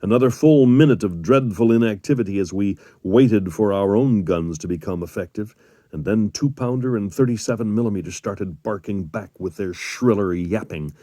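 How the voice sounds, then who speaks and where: A man reading a wartime memoir aloud as an audiobook, with measured, dramatic storytelling. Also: lowish voice, mellow, no echo, studio quality. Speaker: audiobook reader.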